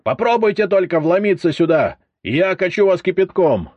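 A man voicing a panicking former imperial chef, barricaded and desperate, in a shrill, strained voice. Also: big pitch swings, normal speed, husky, lo-fi sound. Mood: defiant.

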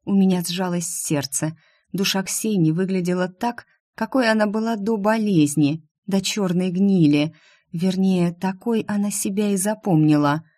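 A woman narrating a fantasy novel in the first person, reading in an even, composed way. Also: mid-range voice, normal speed, no room sound, studio quality. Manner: urgent, pleading in dialogue. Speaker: audiobook narrator.

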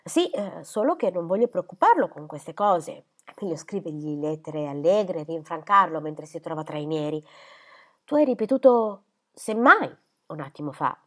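Woman voicing a coquettish young lady, teasing and airy, lively swooping pitch, audiobook reading. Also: normal speed.

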